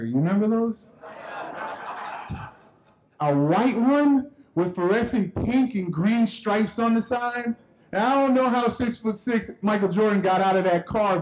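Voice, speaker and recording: A man with a notably high voice tells a story from a conference stage. He is animated and acts out each exchange as he goes, in the manner of a keynote storyteller. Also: low-quality recording. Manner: animated storyteller acting out dialogue. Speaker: keynote speaker.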